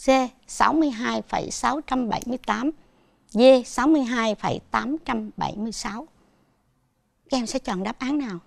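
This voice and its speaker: A woman's voice: fairly high pitch, fairly quick, gravelly, dry recording. A woman with a Southern Vietnamese accent teaching a televised primary school math lesson, patiently asking her pupils questions as she goes.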